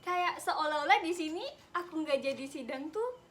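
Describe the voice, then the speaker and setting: Young woman vlogger, high voice, laughing chatty retelling, faint noise behind. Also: animated, normal speed, a bit bright. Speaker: vlogger telling her own story. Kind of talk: casual storytelling chat.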